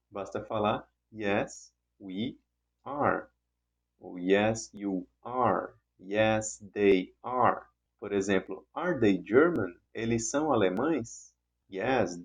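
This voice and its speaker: Slow, patient Brazilian-Portuguese-speaking teacher. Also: male voice, fairly low pitch. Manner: patient, repeats examples slowly and clearly. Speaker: English teacher. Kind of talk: online lesson, reading example sentences.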